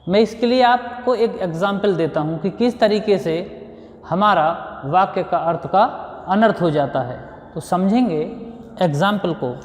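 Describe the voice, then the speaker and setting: Indian guy teaching grammar to kids, slow and patient, highish voice, echoey classroom sound. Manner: patient, explanatory, repeats and restates points. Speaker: school teacher. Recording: echoey room with long reverb.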